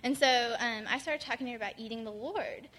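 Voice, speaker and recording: A young woman from Texas, a college student, sharing a testimony as a lively story with frequent laughter. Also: on the high side, a little fast. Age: young adult.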